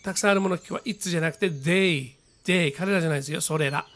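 A man with a Japanese accent teaching a radio-style English lesson, explaining patiently and reading model sentences slowly. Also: a little high, fairly bright tone, slight background noise.

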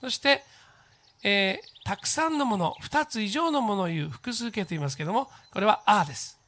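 A teacher giving a recorded grammar lesson to junior high students, explaining patiently with many fillers and saying English model phrases slowly for repetition. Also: animated, a bit bright, a little hiss or hum.

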